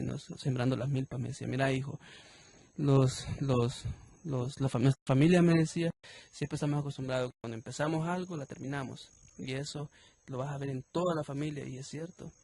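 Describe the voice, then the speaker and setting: Gravelly young Salvadoran man telling stories. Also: mid-range voice, dark tone, no echo. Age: 20s. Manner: rambling, many restarts and fillers. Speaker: guest artist. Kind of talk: storytelling interview.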